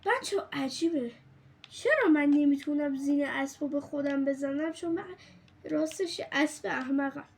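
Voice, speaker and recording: Excitable high-voiced young woman gamer. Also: gravelly. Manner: excitable, jokey, often cries out and laughs. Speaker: gaming streamer. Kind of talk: casual let's-play commentary.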